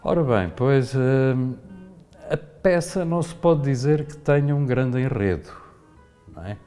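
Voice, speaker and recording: A man's voice: mid-range voice, unhurried, dark tone, faint music behind. A man in an interview, explaining a theatre piece thoughtfully, with frequent tag questions.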